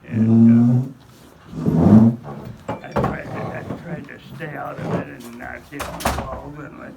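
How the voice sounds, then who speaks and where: A man in his nineties with a gravelly, creaky voice talks slowly with family, stopping and repeating words and chuckling now and then. The recording is a noisy home video made in a care home room. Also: medium pitch, steady tone, muffled recording. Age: 90s. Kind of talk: casual family chat.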